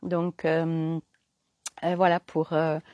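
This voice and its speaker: A woman's voice: low-pitched, completely flat delivery, takes it slowly, a little mellow, no room sound, dull audio. A woman giving casual tips on a live stream, talking in a chatty, slangy way full of fillers and restarts. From southern France. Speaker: holistic coach.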